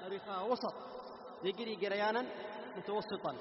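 A man teaching a recitation lesson. He explains quickly, chants the example verses slowly and melodiously, and keeps asking his students questions that he then answers himself. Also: high-pitched, crowd noise. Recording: echoey, muffled room recording with background noise.

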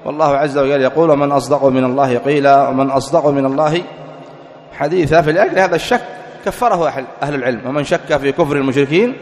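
A man's voice: fairly high pitch, darkish tone. Man lecturing in an echoey hall. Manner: asks rhetorical questions and answers them; reads quoted text slowly and deliberately. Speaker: religious teacher. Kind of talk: lecture explaining a creed text. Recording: echoey hall with long reverb.

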